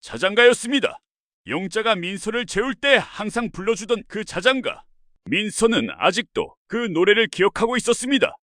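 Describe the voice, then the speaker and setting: High bright male storyteller. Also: big pitch swings, moderate pace, dry recording, studio quality. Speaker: narrator. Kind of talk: first-person story narration.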